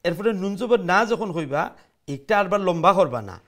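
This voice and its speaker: A man teaching Quran recitation, modelling each word slowly and switching into English to explain. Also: high voice, animated, fairly bright tone. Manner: slow, deliberate, repeats words to model pronunciation, mixes English into explanations. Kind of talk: tajweed lesson, letter-by-letter.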